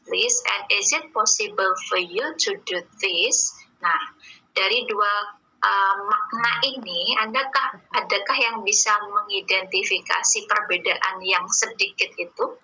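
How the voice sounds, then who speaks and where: A woman English teacher in an online class, reading out each example slowly before explaining it. Her voice is very bright and edgy, with a husky, breathy grain. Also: medium pitch, rough recording. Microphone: video call or computer mic.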